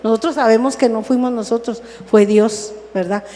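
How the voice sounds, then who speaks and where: Older woman pastor, conversational sermon, slightly high voice, echoing church hall. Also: fairly even intonation, normal speed, warm tone. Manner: conversational preaching, frequent "¿verdad?" tag questions. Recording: long reverb of a church hall.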